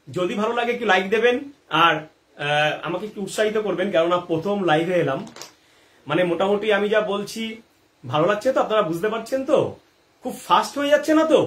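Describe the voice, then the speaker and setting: A man gives gardening advice on a live stream. His voice sits high for a man and swoops up and down, and he keeps posing questions to himself and checking that viewers follow. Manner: animated, asks rhetorical questions and answers them, checks in with listeners.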